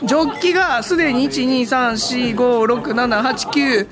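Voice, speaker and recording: A man's voice: very high-pitched, a little slow. A man hosting a casual podcast, chatting with tipsy, playful banter in a bar. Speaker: podcast host. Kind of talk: casual chat. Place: busy bar, indoors. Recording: lively bar crowd noise around voice. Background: bar crowd chatter.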